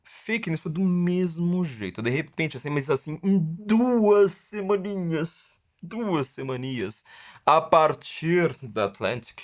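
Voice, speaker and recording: A little high and fairly bright, his voice is expressive yet unhurried. The speaker is a middle-aged Brazilian podcast host with a Brazilian Portuguese accent, running a casual show and sarcastically elongating words in a mocking way for emphasis.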